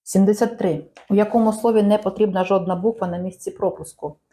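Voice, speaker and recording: A woman reading out language quiz questions and answers in a measured, clear teaching manner. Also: mid-range voice, fairly even intonation, dark tone. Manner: measured, clear dictation-like delivery.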